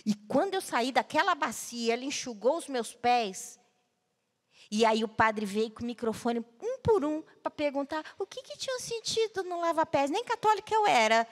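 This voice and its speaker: A woman, a guest speaker, telling a personal story to an audience, swinging between loud outbursts and hushed low tones. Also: expressive, normal speed. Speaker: guest speaker at a panel talk. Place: large hall at a cultural center. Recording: long hall reverb.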